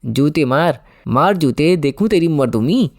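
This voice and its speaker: A man's voice: a little high, expressive, unhurried, no echo, clean studio sound. A man voicing a fierce village wife. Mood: fierce scolding.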